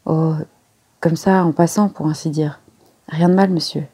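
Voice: mid-range voice, steady tone, a little slow, warm tone, husky. A reader doing a gossipy giggly young maid.

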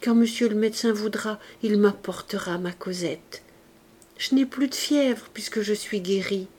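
A woman voicing a frail, feverish young mother who longs to see her child, speaking higher and with eager fervor. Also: moderate pace, darkish tone, lightly acted. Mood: pleading. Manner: raised, eager, fervent delivery.

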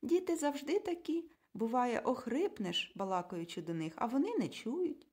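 A woman doing a shrill, feisty older woman. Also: moderate pace, slight background noise. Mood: scolding. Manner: high, animated, scolding.

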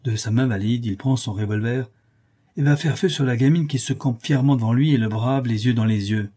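A man narrating an adventure novel as an audiobook in a steady, dramatic storytelling manner. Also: medium pitch, a little fast.

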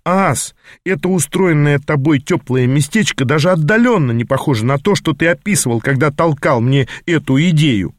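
A jittery young male apprentice magician, as a male narrator puts him on, pitched up and sarcastic. The storybook reading is dry and close, with almost no room. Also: lively intonation, normal speed, no room sound, natural voice. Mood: agitated. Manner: sarcastic, high-strung.

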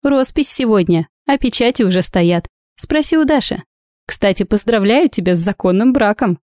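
Alena, a brazen, ironic young woman, as a woman narrator plays her, mocking and unbothered. The voice is mellow and dry, recorded close in a storybook reading. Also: mid-range voice, animated, normal speed, no echo, voice pushed up, natural voice.

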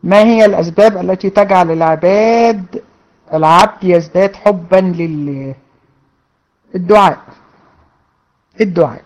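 A woman's voice: lowish voice, moderate pace, darkish tone, low-quality recording. Woman teacher, Egyptian Arabic accent, casual Q&A lesson, reads questions then chats through answers. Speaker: religion teacher.

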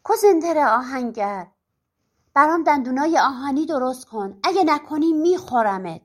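A woman voicing a furious iron-toothed cannibal witch, roaring shrill commands in a storybook reading. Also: animated.

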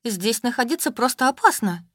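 Woman reading a panicky glamorous lady, loud and flustered, dry close audiobook sound. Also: a little high, animated, moderate pace, no room sound, voice pushed up. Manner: flustered and emphatic.

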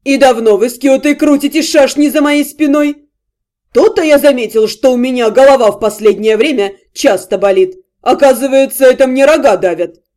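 A woman voicing a loud, indignant young nobleman in an audiobook, whining and protesting. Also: sits high, normal speed, natural voice. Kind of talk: audiobook character reading.

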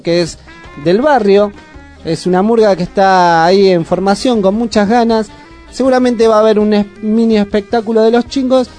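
A man with a high-pitched, warm voice and an Argentine Spanish accent hosts a community radio show. He talks casually, in a rambling, chatty way.

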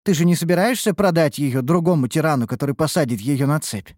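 Man doing a stern elf woman in an audiobook, formal and intense, raised pitch, dry close sound. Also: fast, darkish tone, no echo, close to an everyday voice. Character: proud, stern female elf warrior. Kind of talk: audiobook character voice.

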